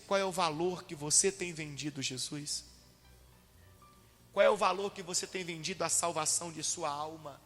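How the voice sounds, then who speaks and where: Brazilian pastor guy preaching, lots of questions, big loud bursts, long church echo. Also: on the high side. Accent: Brazilian Portuguese. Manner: preaching with rhetorical questions and sudden loud emphasis. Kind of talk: sermon. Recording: church broadcast with long hall reverb.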